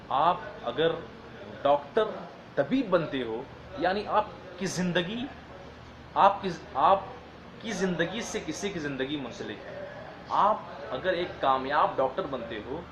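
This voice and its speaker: Brief: man, fairly high voice, earnest and repetitive, faint background hum, casual advice talk. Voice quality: modest, apologetic about his English. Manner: earnest, repetitive, reads long list slowly. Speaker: advice speaker on careers.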